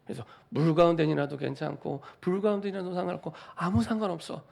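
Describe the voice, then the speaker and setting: A middle-aged pastor preaches to his congregation in a church, his fairly high voice carrying a gravelly edge. He builds emphasis by repeating phrases and keeps checking in with the room through rhetorical questions. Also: fast talker, darkish tone. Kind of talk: Sunday sermon. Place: church sanctuary.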